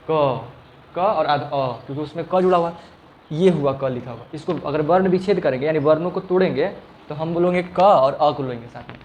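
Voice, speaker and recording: A man's voice: a little high, slight background noise. A man teaching a classroom grammar lesson, asking the same question over and over and stretching out sounds to demonstrate them. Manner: repetitive questioning, checks understanding often.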